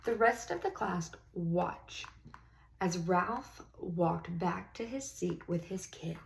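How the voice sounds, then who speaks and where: In a rough recording with a little hiss or hum, a lowish, creaky female voice reads slowly from a picture book. She is a teacher with young listeners, and she stretches out key words expressively while asking questions and offering praise.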